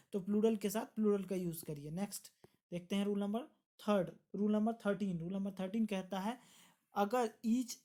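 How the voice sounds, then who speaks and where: Woman teaching grammar with a mellow voice. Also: medium pitch. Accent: Indian. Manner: explains step by step, repeats key words, mixes English terms into Hindi. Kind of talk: online exam-prep grammar lesson.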